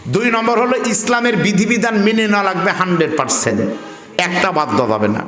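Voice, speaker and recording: Fervent preacher from Bogura, Bengali regional accent, ringing echo. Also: male voice, sits high, quick pace, fairly bright tone. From Bogura, Bangladesh. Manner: fervent, drops into quoted dialogue and rural dialect. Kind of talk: open-air sermon. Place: large outdoor religious gathering. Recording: echoey outdoor PA with long reverb.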